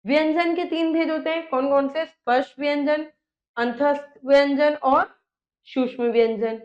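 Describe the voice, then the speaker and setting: A woman's voice: high voice, steady tone, unhurried, a little mellow, lo-fi sound. A woman teacher giving a grammar lesson, sounding out letters one by one and often checking in with her students. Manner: often checks in with "theek hai".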